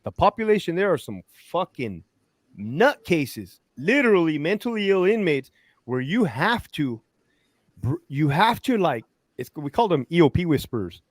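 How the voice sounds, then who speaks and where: Profane, animated man, fairly high voice. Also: moderate pace, no room sound. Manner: profane, animated, acts out quoted lines. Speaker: retired corrections lieutenant, podcast guest. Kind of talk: casual storytelling interview.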